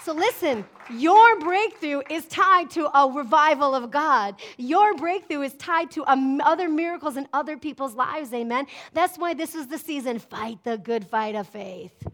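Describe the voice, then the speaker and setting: High-voiced woman preaching emphatically. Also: animated, normal speed, hardly any pauses, fairly bright tone. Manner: emphatic, call-and-response preaching with frequent "amen?". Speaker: pastor. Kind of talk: sermon.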